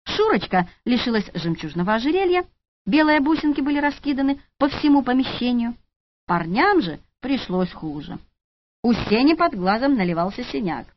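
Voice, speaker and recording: Woman reading a story aloud, wry and expressive, muffled lo-fi sound. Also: on the high side. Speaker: audiobook narrator. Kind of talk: first-person audiobook narration. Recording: lo-fi audiobook recording.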